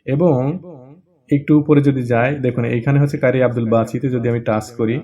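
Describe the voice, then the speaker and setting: Man, casual app tutorial, chatty check-ins, fillers, mid-pitched voice. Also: fairly even intonation, moderate pace, dark tone.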